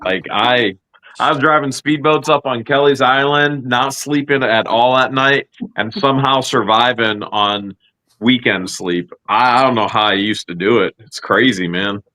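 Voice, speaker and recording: A man's voice: medium pitch, measured pace, pushed and bright, poor audio. A middle-aged man in a casual group chat, making wry jokes.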